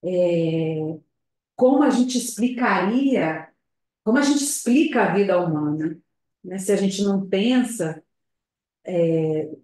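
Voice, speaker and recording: Slow, echoey woman lecturing. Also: lowish voice, animated, darkish tone. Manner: slow, reflective, hesitant, with frequent tag questions. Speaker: lecturer at a spiritist center. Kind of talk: public talk over a video call. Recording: very echoey room.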